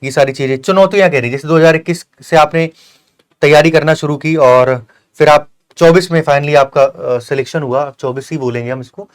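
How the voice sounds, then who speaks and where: Earnest lecturing man, slightly high voice. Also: fairly even intonation, moderate pace, clean tone. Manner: earnest, repetitive, lecturing with many fillers. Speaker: host of a coaching channel. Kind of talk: interview with a successful candidate.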